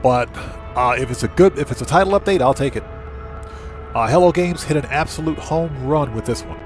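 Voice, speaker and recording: A man with a medium-pitched voice talks briskly over soft background music. He's hosting a livestream, chatting and thinking aloud as he offers casual commentary on a video game and addresses his viewers.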